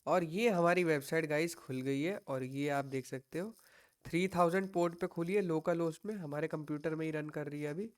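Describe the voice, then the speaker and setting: A young man teaches a live coding class over a computer microphone. He speaks in a fairly high voice. He is patient and reassuring, and he slips English technical words into his sentences. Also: fairly quick, clear, resonant tone. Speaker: coding instructor.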